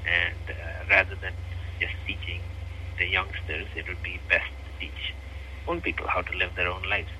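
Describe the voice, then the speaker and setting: A man from Nepal with a Nepali accent speaks earnestly as a physician guest. His voice is very low yet strikingly bright and forceful, and he hesitates often with many fillers. Faint noise runs behind him on the line. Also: little pitch movement, normal speed, poor audio. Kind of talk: interview.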